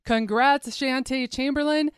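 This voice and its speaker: A woman's voice: high-pitched, fairly even intonation, measured pace, smooth, dry recording, clean studio sound. A woman hosting a radio show, chatty and enthusiastic, speaking straight to her listeners.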